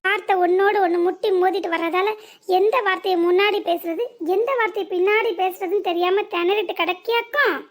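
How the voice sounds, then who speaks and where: A woman voicing a calm young married daughter in a cartoon serial, who lectures patiently with long strings of rhetorical questions. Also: extremely high pitch, a little fast. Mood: lecturing, teasing.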